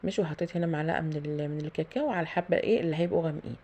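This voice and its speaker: A woman's voice: low-pitched, racing, dark tone. A woman with an Egyptian Arabic accent who talks through a home cooking tutorial in a chatty way, thinking aloud with many fillers and pious phrases, in her kitchen. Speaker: home cooking video host. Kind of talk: casual cooking tutorial narration.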